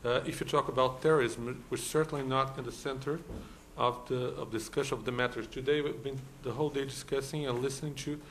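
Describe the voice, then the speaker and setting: At a conference hall, a Brazilian law professor on a panel gives a talk in English with a Brazilian Portuguese accent. His middling, fairly even, slightly bright voice comes out haltingly, full of "uh"s and restarts. A faint hiss sits under the recording.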